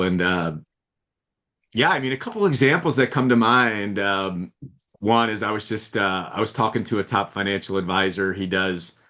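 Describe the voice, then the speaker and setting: A man hosting a podcast, telling stories in relaxed casual chat with quoted dialogue. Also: fairly low pitch. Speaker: podcast host.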